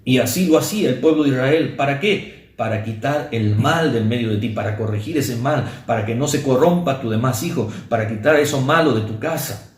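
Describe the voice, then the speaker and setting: A man's voice: mid-range voice, brisk. Earnest preaching man in an echoey room. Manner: earnest preaching, addressing listeners as brother. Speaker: pastor. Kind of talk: sermon.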